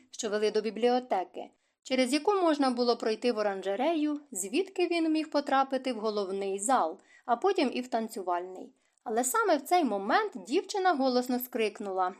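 A woman reading a romance novel aloud as an audiobook narrator, in expressive storytelling. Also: on the high side.

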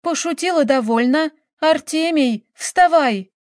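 Женщина играет отчаянную юную графиню. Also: female voice, high voice, unhurried, no echo, voice pushed up. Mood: desperate. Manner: pleading, rising to cries. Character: distraught young countess, newly widowed.

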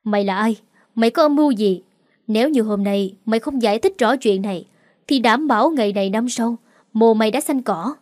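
A woman doing a shrill, whining second wife. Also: fairly quick, no room sound, clean studio sound, lightly acted. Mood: furious. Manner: loud, whining and accusing. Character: shrill scheming second wife of a rich household.

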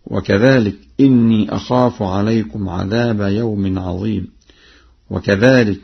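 A man from Egypt giving a broadcast lesson on Quran reading variants, explaining in a measured way and chanting verse examples. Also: fairly low pitch, breathy edge. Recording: lo-fi radio broadcast.

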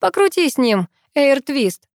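A woman's voice: sits high, sing-song, measured pace, no room sound, clean studio sound, pitched above the performer's own voice, exaggerated voice. A woman voicing a teasing young man, the narrator's best friend, with playful mocking banter.

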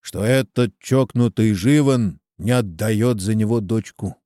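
Persuasive village headman as a man reads him, mellow tone, heated, storybook. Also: on the low side, unhurried, dry recording, clean studio sound, natural voice. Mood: urging. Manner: coaxing, heated.

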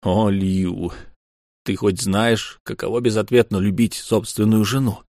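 A man's voice: lowish voice, steady tone, measured pace, darkish tone, dry recording, studio quality. A man playing a tormented, grim warrior husband. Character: brooding male alien warrior husband, tormented, stern.

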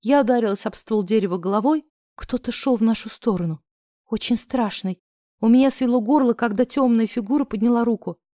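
A woman narrating a novel in the first person, expressive and acting out the other characters' lines. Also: a little high, fairly quick, no room sound, studio quality. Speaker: audiobook narrator.

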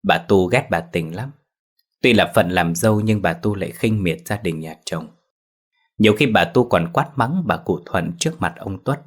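A man reading a ghost story aloud in steady, dramatic narration. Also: deep voice, moderate pace.

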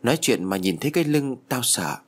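A man's voice: mid-range voice, animated, brisk, close to an everyday voice. A man voicing a frightened teenage girl who pleads in a trembling voice. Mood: scared.

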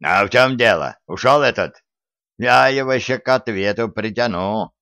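A man voicing a grumpy, stubborn old grandfather who scolds and shouts threats, in an audiobook. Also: fairly low pitch, normal speed, no echo. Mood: grumbling. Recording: dry, slightly dull audiobook recording.

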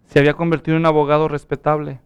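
A man's voice: on the high side, little pitch movement, very fast, clean tone, lo-fi sound. A man preaching a sermon, earnest and telling a personal story, then leading a prayer. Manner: earnest preaching, acts out quoted dialogue. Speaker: pastor.

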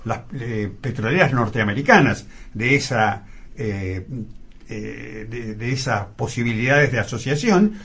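A man commenting on politics on a radio panel, measured and hesitant, with many fillers. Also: medium pitch, lively intonation, a bit bright, husky.

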